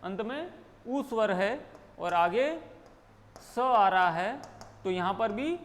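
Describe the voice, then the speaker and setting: High-voiced Rajasthani man teaching grammar. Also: expressive, slow pace, big-room sound. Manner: explains step by step, asking and answering his own questions. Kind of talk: Hindi grammar lesson.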